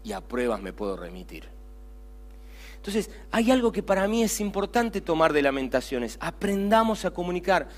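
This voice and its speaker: A middle-aged man with an Argentine accent preaching a sermon as pastor, swinging between loud emphatic lines and hushed, quiet asides. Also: high voice, big pitch swings, normal speed.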